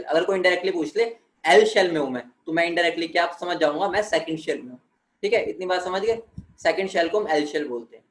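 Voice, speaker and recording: A man with a high voice gives a chemistry lesson in an echoey room. He keeps checking in with "theek hai" and answers his own questions as he walks the class through the material. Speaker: chemistry teacher. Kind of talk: classroom lecture.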